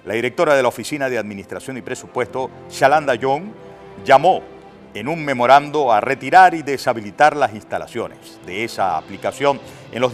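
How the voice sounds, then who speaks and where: A man hosting a morning news talk show, commenting emphatically and stacking words for effect. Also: mid-range voice. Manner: animated, emphatic, piles up words.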